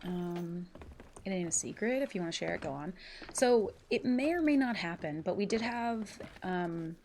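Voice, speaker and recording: A woman streamer chats casually with her viewers, thanking them and reading the chat aloud in a lowish, darkish voice at normal speed. She sounds nasal and congested from a stuffy nose, yet stays animated, rambling with plenty of fillers and swearing. There is slight background noise.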